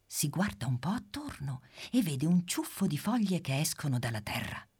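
A woman narrating a children's storybook, gentle and expressive. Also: moderate pace, slightly rough. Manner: gentle, expressive, drops low for speech tags.

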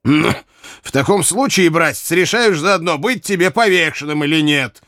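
A man voicing a hot-tempered, scarred Scottish archer uncle in an audiobook, shouting indignantly. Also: high voice, sing-song, a little slow, creaky, dry recording, clean studio sound, pitched above the performer's own voice, exaggerated voice. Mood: stern. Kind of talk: audiobook character reading.

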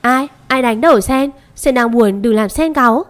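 A woman's voice: on the high side, expressive, fairly quick, a little mellow, lightly acted. Woman putting on a sulky young servant girl, whiny, childlike, storybook reading.

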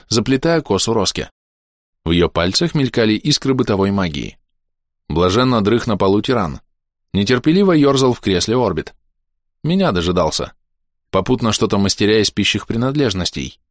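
A man narrating a first-person fantasy audiobook in a measured, wry storytelling manner. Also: fairly low pitch, sing-song, no echo, clean studio sound.

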